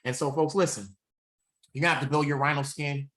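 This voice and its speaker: A man giving an energetic motivational talk on a group call, rallying his listeners with a punchy, preachy delivery. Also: on the high side, fairly quick. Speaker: mentor speaker.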